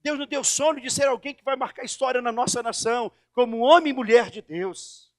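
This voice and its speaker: A male pastor preaching in church with a very high voice, swinging from hushed lines to shouts. The sound is dry and close. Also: a little fast, dry recording. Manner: impassioned, shifting from hushed to shouting. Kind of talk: sermon.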